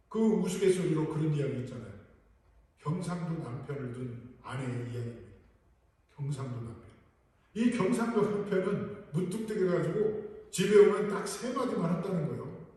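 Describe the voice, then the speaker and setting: Preaching earnestly to his congregation, a male pastor puts rhetorical questions to them inside a large church sanctuary. The high, mellow voice comes from far off, carried through an echoey hall.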